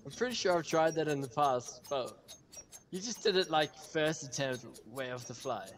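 A man with a fairly high, lively voice adds casual co-commentary to a game. He is joking, incredulous and quick to swear. The recording has clear noise behind him. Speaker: co-commentator watching a friend play. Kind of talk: casual gaming chat.

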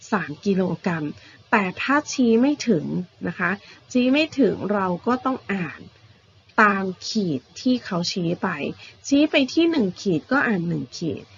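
A woman's voice: fairly high pitch, expressive, moderate pace, muffled recording, a little hiss or hum. A woman teacher giving a patient, repetitive math lesson to young primary school pupils, often ending her phrases with polite particles.

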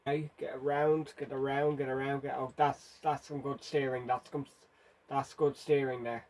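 A man's voice: medium pitch, level tone, normal speed, darkish tone. A man giving frantic, self-mocking commentary as he plays a driving game. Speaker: gaming video host. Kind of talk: live gameplay commentary.

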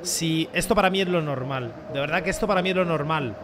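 A young man with a Spain Spanish accent commentating his own gameplay live to chat, excitable and crude, often shouting at the game. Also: fairly high pitch, fast, background noise. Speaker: gaming streamer.

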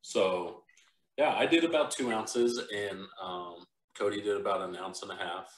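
A low-voiced man hosts a relaxed tasting chat, rambling easily with plenty of ums and uhs. He sits back from the microphone, and the room gives his voice a roomy echo. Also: normal speed. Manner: laid-back, rambling with fillers. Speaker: podcast host. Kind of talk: casual chat. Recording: roomy, from a distance.

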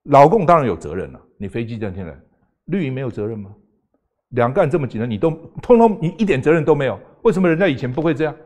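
A man's voice: mid-range voice, sing-song, fast talker, darkish tone. An older man, a talk show guest arguing emphatically and firing off rhetorical questions. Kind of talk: political talk show debate.

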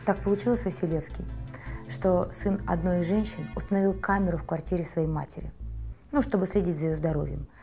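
A sarcastic police investigator. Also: female voice, on the low side, fairly quick, gravelly, dark tone, faint music behind. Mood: stern. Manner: sarcastic, pressing. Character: stern female police investigator.

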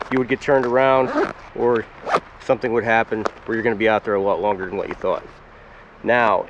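This foraging channel host, a man in his forties from Pennsylvania, kneels among spring trees explaining his gear to the camera in an easy, chatty way with fillers. His voice is fairly low, and the recording is muffled with a little hiss or hum.

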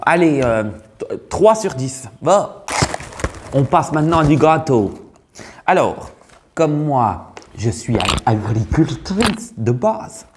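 Taking it slowly in a fairly high, sing-song voice against background noise, a man portrays a taste-tester in a comedy sketch. His character is a brash, crude, middle-aged countrywoman farmer with a Burgundian accent.

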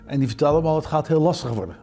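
A man's voice: a little high, expressive, racing, dark tone, faint music behind. An older man, a former minister, speaking hesitantly with many fillers in an interview at home. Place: indoor home.

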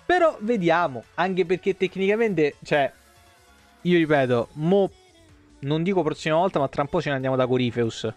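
A man in his thirties with a Roman Italian accent streams games from a small room at home, speaking into a close desk mic. His voice sits on the high side at a moderate pace, with soft music underneath, as he rambles, swears freely and stays expressive in casual commentary.

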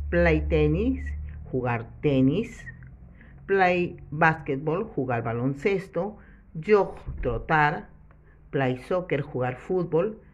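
Female teacher, deliberate repeat-and-translate delivery, low voice, muffled audio. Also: darkish tone. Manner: repeats each word then translates it. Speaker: English teacher. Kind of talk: slow, patient classroom instruction. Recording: muffled lo-fi recording.

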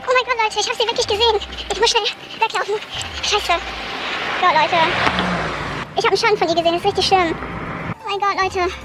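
A young woman vlogging to camera in a car and outdoors at night, anxious and often addressing her viewers, with her voice sped up and squeaky. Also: brisk, pauses often, very noisy. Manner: anxious, keeps calling the viewers "Leute". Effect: sped up, squeaky high pitch. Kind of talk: horror challenge vlog to camera. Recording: background music under the voice.

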